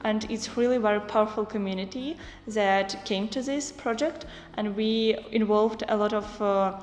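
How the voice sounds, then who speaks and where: Young woman with halting English, echoey hall. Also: medium pitch, darkish tone. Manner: halting, many fillers. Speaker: project participant. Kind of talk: interview answers in non-native English.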